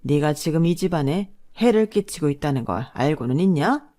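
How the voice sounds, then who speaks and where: A woman's voice: deep voice, lively intonation, moderate pace, warm tone. A woman voicing a stern older father-in-law who lectures his daughter-in-law.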